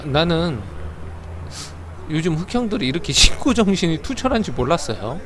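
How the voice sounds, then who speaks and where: A man streams a game with a playful, chatty voice that stammers and repeats itself. He talks high and lively, then bursts into loud flustered shouts. Car and game noise run clearly behind him. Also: normal speed. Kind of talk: live game commentary with chat.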